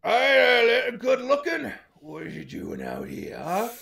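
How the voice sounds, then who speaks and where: A man's voice: extremely high pitch, huge pitch swings, a little slow, vocal fry, bright, forceful tone, voice pushed up, full character voice. A man voicing a leering, crude hobgoblin raider in a tabletop game, with a slangy, taunting drawl. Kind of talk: improvised tabletop role-play.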